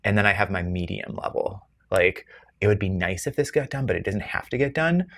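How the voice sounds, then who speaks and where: A man's voice: a little fast, vocal fry. Upbeat man co-hosting a casual podcast. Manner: animated, self-teasing, jumps to higher pitch for emphasis. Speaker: podcast co-host. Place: podcast recording space with camera crew. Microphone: microphone.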